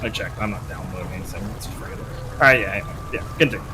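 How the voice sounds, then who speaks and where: A man's voice: low-pitched, racing, noisy background. A man streaming a game, chatting casually in a blunt, teasing way with some swearing. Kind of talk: casual chat over gameplay. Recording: faint game music behind.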